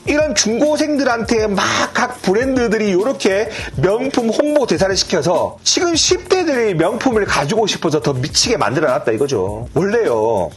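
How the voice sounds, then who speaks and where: Emphatic fashion commentary host, lively pitch. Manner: emphatic, rhetorical questions, frequent fillers. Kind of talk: opinionated commentary monologue.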